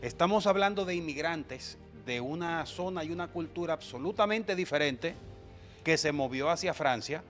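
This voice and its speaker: A man's voice: fairly high pitch, lively intonation, moderate pace, a bit bright, faint music behind. A middle-aged man making firm, analytical points as a panelist in a heated studio debate. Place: dark studio. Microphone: desk mic on boom arm.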